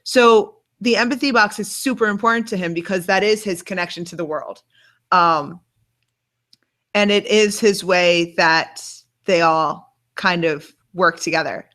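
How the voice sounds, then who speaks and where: A woman's voice: lowish voice, unhurried, fairly bright tone. Chatty woman at a book club. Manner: chatty, thinks aloud with fillers. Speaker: book club co-host, scientist. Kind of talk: casual book discussion.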